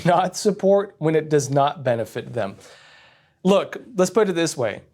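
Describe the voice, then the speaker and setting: A man's voice: on the high side, a little mellow. A man in his thirties hosting a livestream, giving candid, opinionated political commentary straight to his viewers. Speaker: livestream host. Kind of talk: casual political commentary to a live chat.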